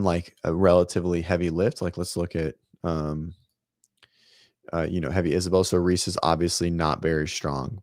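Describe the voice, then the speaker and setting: A fitness podcast host with a low, somewhat mellow voice chats casually about competition results, speaking loosely with lots of fillers and an occasional swear word. He's on a remote call setup, yet the recording is dry and studio quality.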